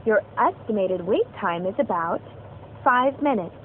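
A woman's recorded phone menu message, a polite, measured scripted announcement for a customer service line. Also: mid-range voice, animated, over music. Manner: polite, measured, evenly paced. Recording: tinny phone line with faint hiss.

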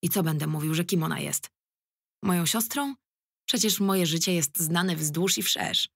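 A woman's voice: lowish voice, a little slow, vocal fry, a bit bright, no room sound, clean studio sound, exaggerated voice. A woman voicing a nervous, cocky young male celebrity actor who complains crudely and defensively. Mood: nervous, indignant.

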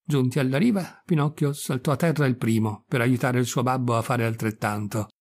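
A man narrating a children's classic as an audiobook reader, in a steady, measured reading. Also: medium pitch. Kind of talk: storybook narration.

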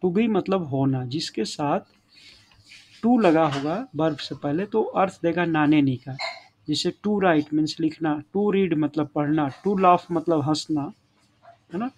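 Male grammar teacher, slightly high voice, patient classroom explaining, faint hiss. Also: takes it slowly, darkish tone, rough recording. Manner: addresses students as children, frequent checking tags. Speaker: English teacher.

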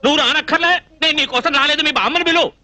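A man's voice: extremely high pitch, sharp tone, full character voice. A young man playing a flustered bachelor who scolds in exasperated bursts in a film comedy scene. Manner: exasperated rapid scolding with comic outbursts. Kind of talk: Telugu film comedy dialogue.

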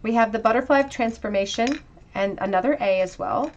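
A woman giving a pick-a-card tarot reading, speaking gently and reflectively straight to the viewer. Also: fairly high pitch, fairly quick, dull audio. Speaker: tarot reader.

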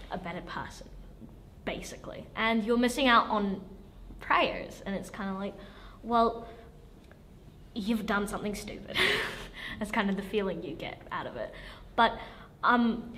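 Thoughtful teenage girl, soft-spoken. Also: medium pitch, slight background noise. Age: teens. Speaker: student. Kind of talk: interview.

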